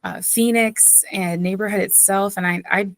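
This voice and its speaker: Guesting in a relaxed interview, a southeastern North Carolina pastor, a woman, spins stories with frequent laughter and plenty of fillers. She speaks at normal speed in a mid-range voice with fairly even intonation, recorded dry.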